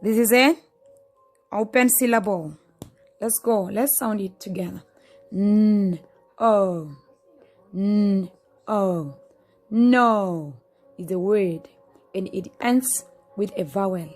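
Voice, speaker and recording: A woman teaching a phonics lesson, slowly sounding out letters and repeating words. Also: medium pitch, a little mellow, husky, faint music behind. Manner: slow, patient, repeats sounds aloud.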